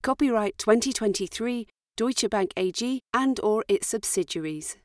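A woman's voice: a little high, moderate pace, no room sound. Woman reading a formal legal disclaimer, dry sound. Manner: formal, steady reading of legal fine print. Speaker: disclaimer reader. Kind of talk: scripted legal disclaimer read.

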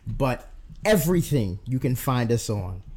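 A man's voice: medium pitch, sing-song, measured pace, a little mellow, slightly rough. A man chatting casually as a podcast guest and fitness trainer, slangy, laid-back and agreeable.

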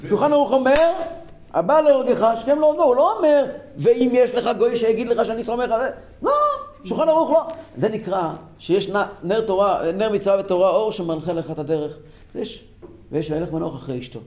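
Impassioned high-voiced man teaching Torah. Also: expressive, roomy sound. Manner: impassioned, swings from loud exclaiming to low intensity. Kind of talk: Torah lesson to a group.

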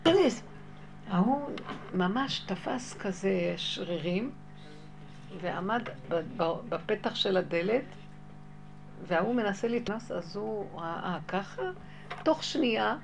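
A woman telling a story in a casual, animated way, often laughing and acting out what people said. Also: mid-range voice, vocal fry. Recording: loud music behind the voice.

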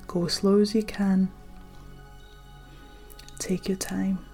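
Mellow woman narrating a soothing sleep story. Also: mid-range voice, little pitch movement. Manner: gentle, soothing, unhurried delivery with soft breathy phrase endings. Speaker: guided meditation narrator. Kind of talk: sleep-story style guided meditation, scripted narration. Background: music.

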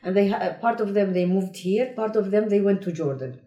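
A woman's voice: medium pitch, a little fast, warm tone, reverberant. A woman physician from Palestine answering interview questions in careful, explanatory English.

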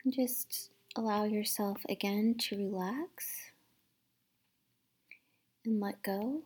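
A woman leading a guided meditation in a soft, soothing, unhurried manner, with long pauses between instructions. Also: mid-range voice, steady tone, breathy edge. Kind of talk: guided meditation, instructing listeners to relax and breathe.

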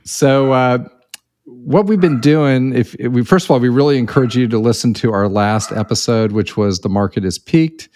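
A man's voice: mid-range voice, moderate pace, darkish tone, no room sound. A man co-hosting a casual podcast, chatty and upbeat, with folksy playful asides. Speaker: podcast co-host.

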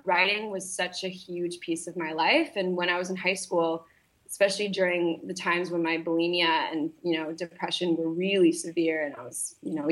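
Young woman guest on a podcast, kinda low voice, lots of ums and restarts, sincere. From grew up internationally, partly in Malaysia. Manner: earnest, many fillers and restarts. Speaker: podcast guest, holistic nutritionist. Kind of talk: casual personal storytelling.

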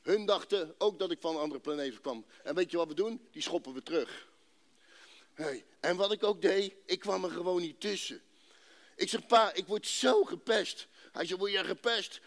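A man from Rotterdam giving an emotional personal faith testimony to a congregation, telling his story dramatically and emphatically, with drawn-out pauses. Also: on the high side. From Netherlands, Rotterdam.

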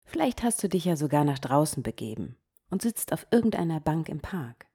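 A woman hosting a guided meditation podcast, speaking softly and gently, often sinking into a whisper. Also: sits low, very animated, husky. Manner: slow, soft-spoken, gently guiding, drops into whispers.

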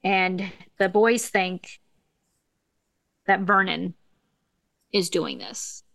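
A woman's voice: lowish voice, very slow, gravelly, fairly bright tone, dry recording. A woman co-hosting a podcast, casually recapping a TV episode with frequent fillers. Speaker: podcast co-host.

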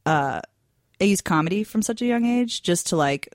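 A woman's voice: mid-range voice, lively intonation, moderate pace, no room sound, studio quality. A woman guest in casual chat, telling personal stories loosely with many fillers and frequent laughter. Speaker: podcast guest.

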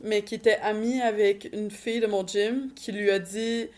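A woman's voice: medium pitch, steady tone, normal speed, darkish tone. A woman with a Quebec French accent giving casual interview answers, informal and sprinkled with English words. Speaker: Muay Thai fighter and coach.

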